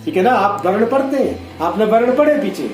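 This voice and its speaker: A man with a high-pitched voice explains a grammar lesson to schoolchildren, patiently repeating himself and drawing out single sounds. The room rings with echo, and faint music plays underneath. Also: lively intonation, moderate pace. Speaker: Hindi teacher.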